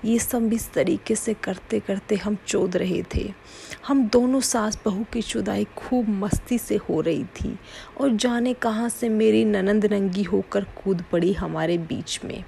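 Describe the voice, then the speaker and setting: Gravelly-voiced woman narrating a story. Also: mid-range voice, unhurried, dark tone, a little hiss or hum. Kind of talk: first-person erotic story reading.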